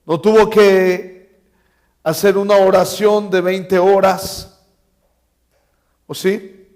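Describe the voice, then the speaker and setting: Slow-speaking preacher man. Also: sits high, level tone, a little mellow. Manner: storytelling, acting out dialogue with humor. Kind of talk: sermon. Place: church.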